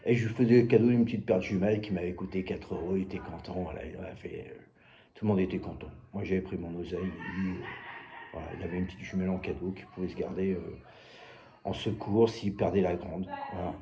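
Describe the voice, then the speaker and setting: A man's voice: quick pace, slight background noise. A man telling stories about selling binoculars in a chatty, joking sales patter with lots of fillers. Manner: chatty, jokey, lively pitch with many fillers. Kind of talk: casual sales patter and storytelling.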